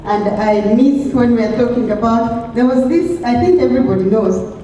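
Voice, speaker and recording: A woman in her forties with a Ugandan accent speaks in a measured, reflective tone. Her voice is very dark and mellow. She sounds a bit far from the mic, in a big echoing hall with a long reverb. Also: fairly high pitch, a little hiss or hum. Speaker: interviewee sharing experiences. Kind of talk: reflective personal talk.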